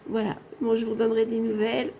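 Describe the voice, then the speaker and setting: A woman chats straight to her viewers in a casual vlog, talking into a phone she holds herself in a hospital room. Her voice sits a little high but sounds mellow and soft, with faint noise in the background. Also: little pitch movement, fast talker, creaky. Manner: chatty, addresses viewers directly. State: tired after anesthesia. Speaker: vlogger. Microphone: phone held in hand.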